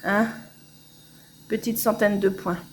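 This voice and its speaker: A woman's voice: mid-range voice, flat delivery, takes it slowly, slight background noise. A woman casually showing her cross-stitch projects at home, talking in a rambling way with many hesitations. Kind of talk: casual show-and-tell chat. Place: home, washing machine spinning nearby.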